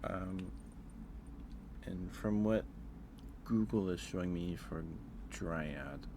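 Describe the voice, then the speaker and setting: Extremely slow and low-sitting, a man's voice carries a casual ASMR livestream where he ranks things. He hesitates and repeats his phrases while thinking aloud, with background noise behind him.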